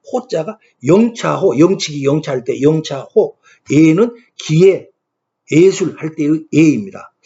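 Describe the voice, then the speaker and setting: A man's voice: fairly high pitch, mellow. A man giving a lecture who asks himself questions and answers them with emphasis. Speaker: lecturer on ancient Korean poetry. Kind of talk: classroom-style lecture. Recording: dull lo-fi recording.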